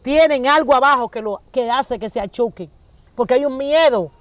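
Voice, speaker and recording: High-voiced woman preacher. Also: normal speed, dry recording. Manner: animated, acts out dialogues with shifting voices. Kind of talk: conversational preaching.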